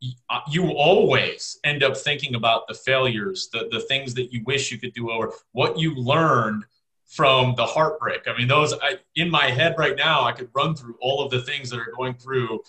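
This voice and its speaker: A man's voice: medium pitch, normal speed, pushed and bright, poor audio. A male host in casual chat, reflective, with frequent fillers.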